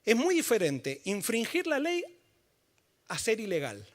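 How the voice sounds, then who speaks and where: High-voiced man preaching a sermon. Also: wildly swooping pitch, a little slow. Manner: explains scripture with illustrative stories; builds to emphatic, forceful delivery. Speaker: pastor. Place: church.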